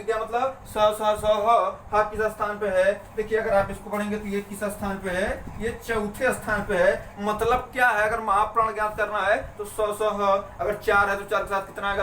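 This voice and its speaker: A man teaching a grammar lesson for an exam, asking questions and answering them himself, and saying consonants slowly one at a time. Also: high voice, fairly bright tone. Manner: asks and answers his own questions. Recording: roomy, mic a bit far off, faint room noise.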